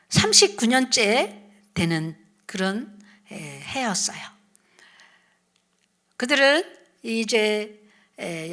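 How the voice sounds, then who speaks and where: Bright-voiced woman telling a children's Bible story. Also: medium pitch. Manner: animated storytelling with questions to children and soft whispered asides. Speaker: children's ministry evangelist.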